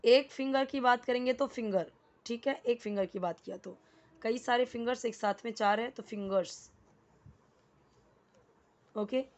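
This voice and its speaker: A woman's voice: on the high side, unhurried, long pauses. A woman teaching a casual lesson, patiently explaining and repeating words, often checking in with the listener. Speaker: English teacher.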